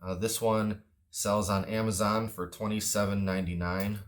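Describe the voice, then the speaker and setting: Speaking at a normal speed with a flat delivery, a low-voiced man gives an off-the-cuff product review. His manner is matter-of-fact and slightly tentative, understated, like casual unscripted conversation.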